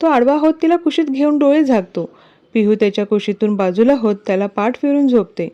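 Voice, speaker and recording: Woman reading a love story, highish soft voice, kinda dull lo-fi sound. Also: fairly quick. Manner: even storytelling. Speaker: story narrator. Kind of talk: narrated romance story. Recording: dull lo-fi recording.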